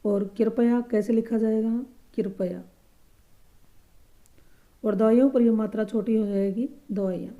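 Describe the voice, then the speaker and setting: A woman teaching a grammar lesson for exam preparation, patiently explaining answers and repeating each correct word slowly and softly. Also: a little high, steady tone, phone-quality sound.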